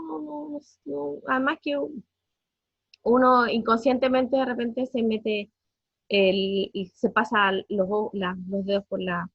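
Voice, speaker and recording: A Chilean woman in her thirties recounts her family's ordeal in a husky, slightly breathy voice, repeating words and hesitating often. The sound is dry and close, with a dull, muffled top end. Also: medium pitch, no room sound. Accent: Chilean Spanish. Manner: halting, many fillers and repetitions, voice breaking with distress. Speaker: parent giving a family testimony. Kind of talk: emotional personal testimony.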